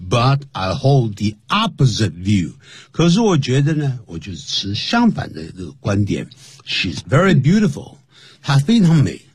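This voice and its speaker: A man's voice: mid-range voice, wildly swooping pitch, unhurried, husky, dry recording. A man co-hosting a radio English lesson, explaining words and usage patiently. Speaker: English teacher, radio co-host. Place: radio studio.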